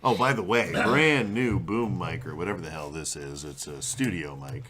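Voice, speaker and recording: A man's voice: sits low, normal speed, bright, forceful tone. A man co-hosting a podcast, trading jokes in casual banter. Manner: joking, playful sound effects. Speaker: podcast co-host.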